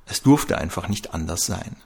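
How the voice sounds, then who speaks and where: A man's voice: deep voice, expressive, moderate pace, vocal fry, breathy edge. A man reading a crime story aloud, narrating with drama.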